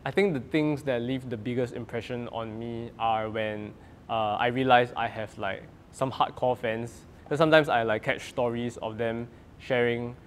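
A man's voice: medium pitch, fairly even intonation, moderate pace, a little hiss or hum. A young adult man with a Singaporean accent and light Singlish touches, talking casually as a singer-songwriter in an interview.

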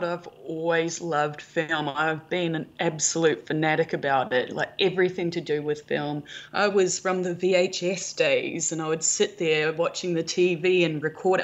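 As a guest on a podcast, a middle-aged prop maker and film producer from rural New Zealand trades stories in a chatty way, often quoting what people said. She speaks with a New Zealand accent in a fairly low pitch. The audio is muffled.

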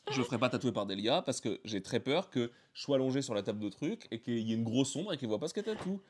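A French man chatting on a live stream, rattling along at a rapid clip. His banter is crude and teasing, full of quick jokes, in an ordinary mid-range voice. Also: mid-range voice, lively intonation, breathy edge. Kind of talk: casual stream chat.

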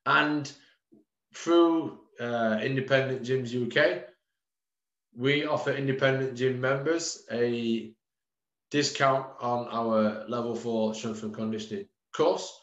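Speaking slowly with a mid-range, fairly bright voice, a British man in his thirties presents a casual webinar by video call. He coaches strength and conditioning, calls his audience "guys," and fills pauses with frequent ums, all through roomy, muffled webcam sound.

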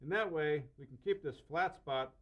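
A middle-aged man hosts a woodworking lesson from his workshop, speaking in a slightly raised register. He explains each cut clearly and methodically, with a touch of enthusiasm for his tools and jigs. A lapel mic keeps his voice close amid the shop space. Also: on the high side, normal speed, fairly bright tone, lo-fi sound. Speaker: host and woodworker. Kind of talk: instructional woodworking demonstration. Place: indoor wood workshop.

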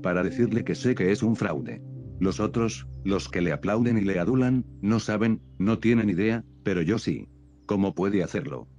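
Guy reading as a fierce young music student girl, low voice, music behind. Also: animated, normal speed, a little mellow. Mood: scornful. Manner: indignant, accusing questions. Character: young woman music student, scornful and passionate.

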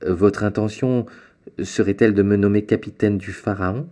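A man voicing an earnest, respectful young sailor in an audiobook, speaking a little higher than his own narration. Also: normal speed, dark tone. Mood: eager.

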